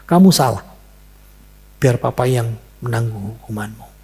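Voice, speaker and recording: A man telling a sermon story voices a patient, loving father speaking gently and earnestly to his son. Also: mid-range voice, animated, unhurried, breathy edge, pitched below the performer's own voice, exaggerated voice. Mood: gentle.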